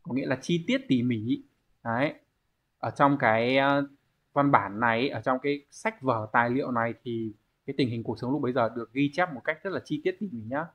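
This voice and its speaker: A man teaches a language exam review lesson in a brisk, medium-pitched voice, going step by step and often having the class confirm. It's a lo-fi recording.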